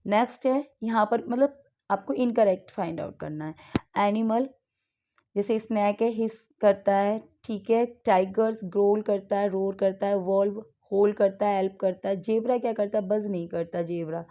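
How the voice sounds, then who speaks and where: A young woman teaching English exam practice with an Indian English accent, reading each question slowly and then explaining it in Hindi. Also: mid-range voice, fairly even intonation, dark tone.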